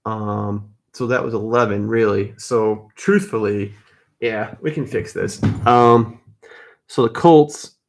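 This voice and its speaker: Slow, gravelly man running a card break. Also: on the low side. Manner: casual, addresses viewers by name, corrects his own mix-ups. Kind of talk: live card break stream chat.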